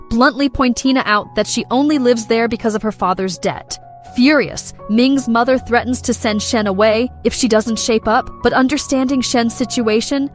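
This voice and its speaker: Woman narrating a drama recap. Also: fairly high pitch. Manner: steady storytelling delivery. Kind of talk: scripted narration. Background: faint background music.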